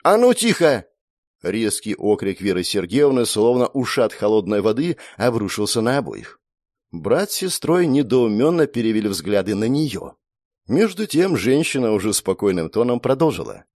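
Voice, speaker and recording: Lively male storyteller, dry close sound, varied pitch. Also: normal speed, dry recording. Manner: expressive, acts out all the figures. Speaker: audiobook narrator. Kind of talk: storybook narration.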